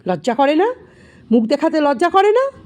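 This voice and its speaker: High, swooping voice from a woman narrator, a distraught mother in an audio story, wailing and raving, mellow tone. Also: expressive, slow. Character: distraught mentally ill middle-aged mother.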